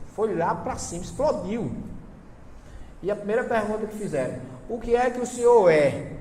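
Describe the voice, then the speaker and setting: A seminar lecturer on Bible translations, a man with a Northeastern Brazilian accent, gives a lively talk before an audience in a lecture hall, joking, telling anecdotes and asking the audience questions. His voice is higher-pitched with a darkish tone. The echoey hall adds long reverb, and there is a faint hiss.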